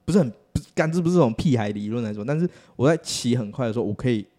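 A man's voice: mid-range voice, animated, rapid-fire, warm tone. Taiwanese Mandarin man, brash podcast co-host, speedy and foul-mouthed, throws in English words. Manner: blunt, swears freely, drops English words. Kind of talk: casual chat.

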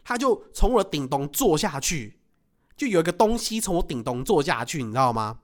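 A man telling a story in casual chat, animated, laughing often and acting out what he said. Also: on the high side, fairly quick. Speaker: podcast co-host.

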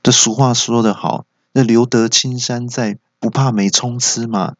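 A man voicing a sly, unflappable male freeloader who talks in a smooth, mock-earnest way. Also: mid-range voice, steady tone, measured pace, dry recording, close to an everyday voice.

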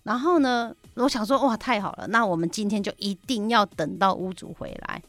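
A woman's voice: mid-range voice, a little fast, faint music behind. A woman on a radio talk show, recounting an anecdote in casual chat and acting out the people she quotes. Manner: animated storyteller, acts out quoted dialogue. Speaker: real estate agent guest. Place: radio studio.

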